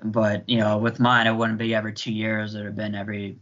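A young man talking haltingly, with restarts and pauses, in a casual podcast chat. His voice sits a little low and sounds bright and forward. The sound is muffled and lo-fi, as if it comes over an online call. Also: monotone. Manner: hesitant, halting, with many restarts. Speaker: podcast co-host. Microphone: remote call mic. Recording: dull lo-fi call audio.

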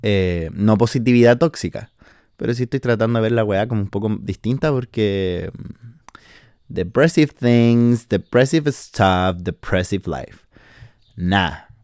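Recording from his countryside house, a Chilean podcast host in his twenties delivers a casual monologue in Chilean Spanish, chatty and slangy, with swearing and plenty of fillers. His fairly low, slightly mellow voice keeps a measured pace, with a clean tone and studio quality free of echo.

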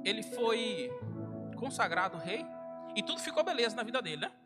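A man's voice: high voice, very animated, moderate pace. A young man preaching a sermon in a church hall, casual and familiar, acting out the dialogue in his stories. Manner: casual, addresses listeners as "cara" and "irmão". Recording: long hall reverb, loud music behind. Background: guitar music.

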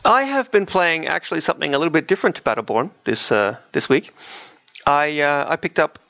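This podcast co-host's voice is a little high, gravelly, bright, and forceful, animated and a little fast. He talks casually about video games in a chatty, dryly joking manner, captured in a muffled, roomy home recording.

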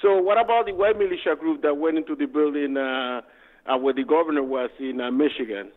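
A man's voice: on the high side, fairly quick. Argumentative male caller over the phone. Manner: argumentative, repeats himself. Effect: heard over the phone. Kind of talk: call-in radio argument. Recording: tinny phone line with reverb.

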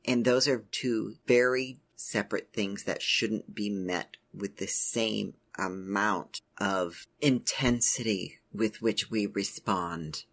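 A middle-aged woman hosting a podcast, telling a personal story in a measured, earnest way. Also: very deep voice. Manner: measured, earnest, speaks in drawn-out phrases. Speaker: podcast host.

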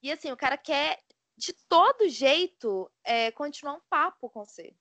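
A woman's voice: high voice, lively intonation, moderate pace, a bit bright, dry recording. A woman with a Brazilian Portuguese accent, a podcast guest, chatting casually in blunt, rambling bursts. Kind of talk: casual chat.

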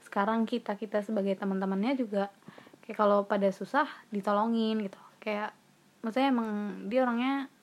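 A woman's voice: medium pitch, brisk. A young woman in her twenties telling her stories in a casual podcast chat, laughing often and mocking herself. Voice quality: husky, laughs often, animated storytelling. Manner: lively, self-mocking, slangy.

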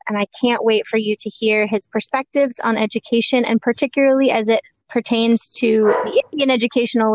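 A woman's voice: a little high, no room sound, poor audio. A woman hosting an interview, introducing and questioning a guest in a polite, conversational way. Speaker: interview host.

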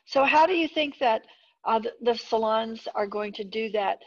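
Salon owner lady asking questions, husky voice, muffled lo-fi sound. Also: on the high side, moderate pace. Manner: conversational, asks questions. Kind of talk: interview.

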